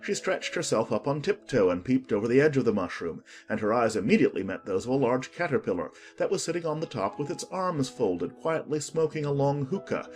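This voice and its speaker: Reading a children's audiobook aloud, a man with a medium-pitched voice gives the scripted story an expressive storytelling delivery.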